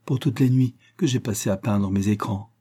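A man's voice: fairly low pitch, normal speed, mellow, close to an everyday voice. A man voicing a young woman in love, reading her lines with impassioned, breathless devotion in an audiobook. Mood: ardent.

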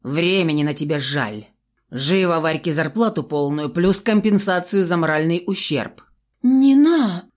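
A woman narrating a novel in the first person with expressive, coarse, slangy delivery. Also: low voice, normal speed. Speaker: audiobook reader.

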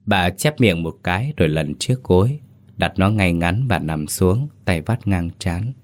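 A man narrating a dramatic story in a steady storytelling manner. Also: sits low, a little slow.

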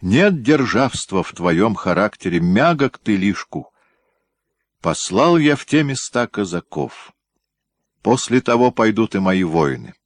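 A wrathful aging tsar barks orders in a dark, low voice lifted into command, as a male narrator plays him. He speaks raised and forceful, quick to anger. The recording is close and dry. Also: sing-song, dry recording. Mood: stern.

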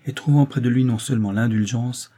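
A male audiobook narrator reads a literary novel aloud. His storytelling is measured and even, and his voice is medium in pitch.

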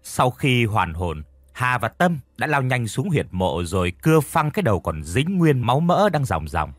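A man's voice: medium pitch, big pitch swings, moderate pace, dry recording. A man narrating a horror story in a vivid, dramatic style.

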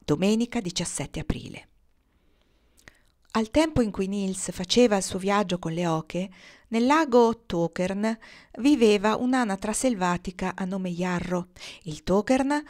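A woman reading a storybook aloud in a measured, expressive narration. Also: medium pitch. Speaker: audiobook reader.

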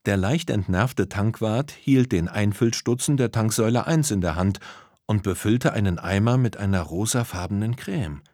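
A man narrating a children's audio story in a lively storytelling manner. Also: fairly low pitch, normal speed, dry recording, clean studio sound.

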